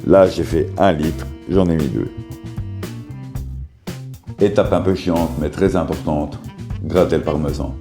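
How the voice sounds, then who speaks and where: A man with a cold and a hoarse, sore throat narrates a casual cooking video from his bedroom, with guitar music in the background. In a bass voice, at a measured pace with long pauses, he jokes and chats directly with the viewer while walking through simple home recipes.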